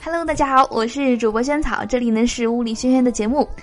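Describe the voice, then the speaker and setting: High-voiced woman hosting a joke show. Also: quick pace, faint music behind. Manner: lively, laughing between jokes. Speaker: podcast host. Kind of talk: reading jokes.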